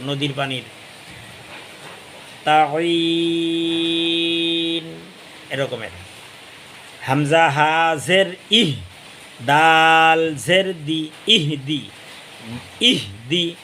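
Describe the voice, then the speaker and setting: A man teaching Quran reading, spelling letters slowly, then explaining in quick bursts, sometimes chanting verses melodically. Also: on the high side, bright, forceful tone, slight background noise.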